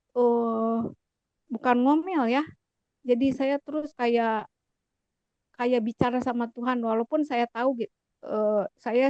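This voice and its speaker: A woman giving an earnest, halting personal testimony over a video call, with many fillers and restarts. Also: fairly high pitch, a little mellow, dry recording. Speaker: testimony giver. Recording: muffled lo-fi video call audio.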